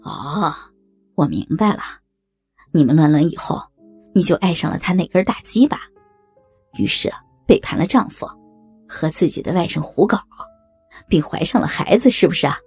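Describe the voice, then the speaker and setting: A woman's voice: deep voice, expressive, normal speed, long pauses, darkish tone, breathy edge, faint music behind, heavily acted. A woman voicing a cruel, vengeful young male thug who taunts with snickering laughs. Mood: taunting. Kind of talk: audio drama acting.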